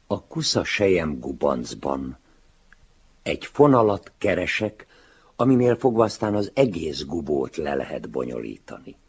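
A man reading a literary story aloud in a measured, solemn way, in a dull lo-fi recording. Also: rumbling low, sing-song, breathy edge. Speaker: reader.

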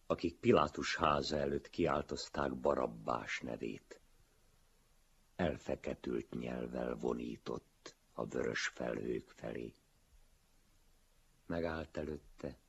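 A man reading a literary story aloud in a measured, solemn way, with a very husky voice. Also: a bass voice. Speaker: reader. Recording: dull lo-fi recording.

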